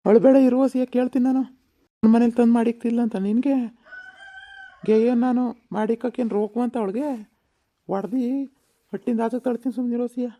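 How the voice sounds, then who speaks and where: Woman doing a lowered, dark-voiced village son, blustering, comedy skit. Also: fairly even intonation, brisk, pauses often, lightly acted. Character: bewildered grown son caught between wife and mother.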